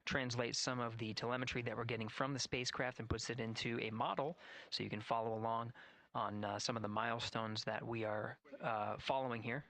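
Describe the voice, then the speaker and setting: A man giving measured, factual live spaceflight commentary as a mission control announcer. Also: mid-range voice, fairly even intonation, fairly bright tone, no room sound.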